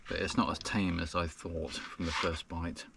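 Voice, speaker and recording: A man's voice: low voice, flat delivery, normal speed, vocal fry, background noise. A man chatting casually to camera from inside a small parked van, rambling with lots of ums. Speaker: van-life vlogger.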